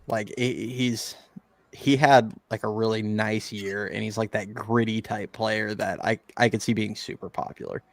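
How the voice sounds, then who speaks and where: A man co-hosting a sports podcast in casual chat, quick with jokes and laughter. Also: on the low side, steady tone, no echo. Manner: laughs often, quick joking asides. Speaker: podcast co-host.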